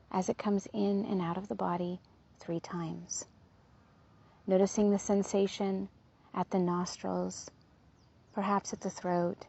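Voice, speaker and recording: A woman guides a body scan meditation gently, soothingly, and without hurry. Her medium-pitched voice is soft, breathy, and slightly husky, and the recording's highs are cut off.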